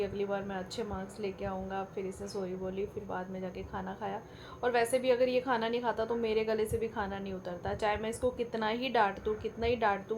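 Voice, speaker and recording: A woman's voice: medium pitch, a little mellow, a little hiss or hum. A middle-aged woman from India chatting casually to her viewers in a home vlog, talking about her son and cooking in her kitchen. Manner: chatty, addresses viewers directly as "bhai". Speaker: vlogger, mother.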